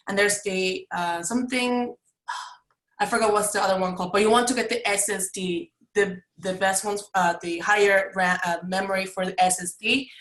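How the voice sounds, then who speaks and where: A woman's voice: mid-range voice, a bit bright, echoey room, rough recording. A young woman from Mexico, an advertising student, talking casually and rambling with lots of fillers on a video call. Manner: chatty, rambling with many fillers.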